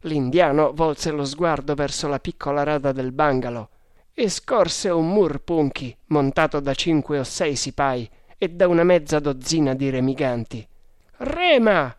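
A man's voice: on the high side, clean tone, dry recording, clean studio sound. Man narrating an adventure audiobook. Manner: measured dramatic reading.

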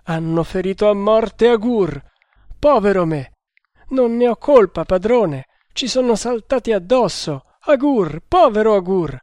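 A man's voice: high voice, lively intonation, a little slow, a little mellow, dry recording, pitched above the performer's own voice. A man voicing a treacherous, terrified male servant who wails and sobs as he pleads, in an audiobook. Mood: wailing. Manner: wailing, sobbing, frantic pleading. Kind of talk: audiobook character voice.

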